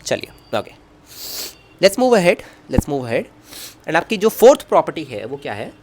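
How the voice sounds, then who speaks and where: A man's voice: a little high, big pitch swings, unhurried, a little mellow, a little hiss or hum. A man teaching a physics lecture, coaxing students with constant check questions and jokey asides. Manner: jokey asides and self-talk while writing. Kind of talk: online lecture at a whiteboard.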